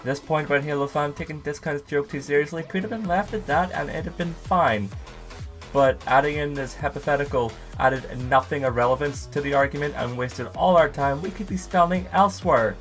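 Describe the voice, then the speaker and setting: A speaker giving a commentary rebuttal in a dry, deadpan, sarcastic manner. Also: medium pitch, normal speed, soft background music.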